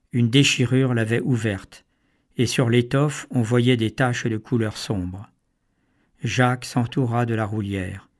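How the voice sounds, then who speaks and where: A man narrating a storybook in a measured, even reading style. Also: mid-range voice.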